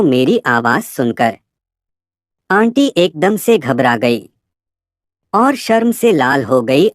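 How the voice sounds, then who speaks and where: A woman narrating a first-person story, speaking to her listeners in an animated storytelling manner. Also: extremely low pitch, no room sound, clean studio sound.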